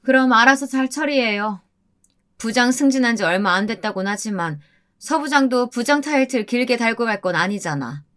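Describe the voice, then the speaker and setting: A woman voicing a senior executive's wife who speaks calmly and talks down to others. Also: a little high, normal speed. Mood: condescending. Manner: calm, lofty, talks down casually.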